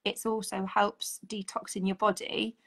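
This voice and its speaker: Woman in her 40s, gravelly voice, chatty and earnest, video-call audio. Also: mid-range voice, little pitch movement, measured pace. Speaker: holistic therapist guest. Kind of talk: casual video-call chat. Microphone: video call, audio only.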